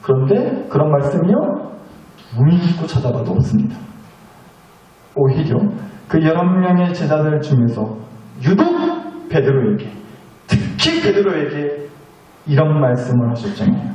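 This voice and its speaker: Male pastor, high and lively, storytelling sermon, distant mic in a big echoey church. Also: moderate pace, pauses often, lo-fi sound. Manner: animated storytelling, acts out voices. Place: large church sanctuary.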